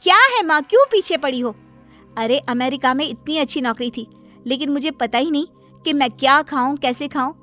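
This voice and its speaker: A spoiled young woman in a cartoon story bosses her mother around in a high, careless voice, played by a woman. She sounds self-centered and demanding. Light music plays behind. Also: expressive, moderate pace, fairly bright tone. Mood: angry. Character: spoiled young adult daughter, rude and lazy.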